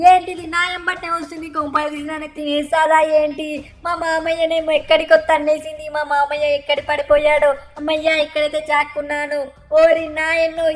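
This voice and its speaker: A woman doing a cheeky little boy in a fan-dubbed game parody, pitched high and nagging without pause, always calling for his uncle. The delivery stays flat in melody, with faint music running underneath. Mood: panicked. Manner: nags constantly, repeating 'uncle'.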